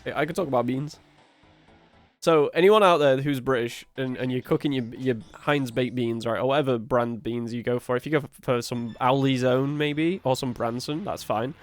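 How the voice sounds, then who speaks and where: A man co-hosting a casual game playthrough, telling stories in an animated way, swearing, laughing and often tripping over his words. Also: mid-range voice, moderate pace, faint music behind. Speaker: co-host of a gaming playthrough. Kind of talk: casual chat over gameplay.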